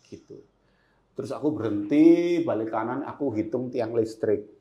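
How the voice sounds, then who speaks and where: A photojournalist guest on a podcast recounts his experiences, vividly acting out the things he once said. His medium-pitched voice is animated and dark, at a moderate pace, heard through a podcast microphone with a muffled sound and roomy echo.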